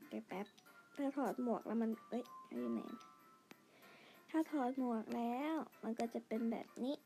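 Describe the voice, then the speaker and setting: A woman chatting quietly through her game, pleading for lucky draws and gushing over outfits. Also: fairly high pitch, big pitch swings, normal speed, soft background music. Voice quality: quiet, soft-spoken. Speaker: gamer narrating her play. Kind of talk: casual game commentary.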